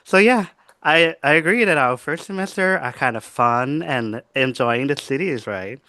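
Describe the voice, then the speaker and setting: A young man, co-hosting a podcast in casual chat, telling stories in a lively way with many fillers. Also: fairly high pitch, normal speed, no room sound. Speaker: podcast co-host.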